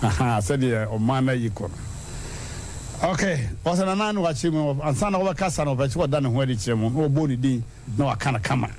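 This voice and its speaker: A man hosting a radio show, telling a story in a lively way and leaping high in pitch for punchlines. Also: normal speed, a little hiss or hum. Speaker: radio host. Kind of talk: animated radio storytelling and proverbs. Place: radio studio.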